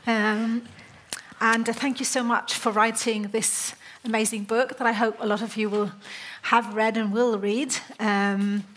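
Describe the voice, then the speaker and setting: Brief: woman interviewer, a bit high-pitched, halting, lots of ums. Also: little pitch movement, a bit bright, slight background noise. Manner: hesitant, many um fillers. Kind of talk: hosting a book talk.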